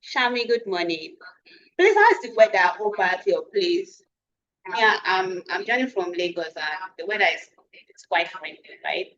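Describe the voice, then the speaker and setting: A woman hosting an online training session, greeting attendees one by one and pausing over how to say their names. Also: mid-range voice, lively intonation, a bit bright. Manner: unhurried, reading names aloud and pausing over pronunciations. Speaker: webinar host. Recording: dull lo-fi online call audio.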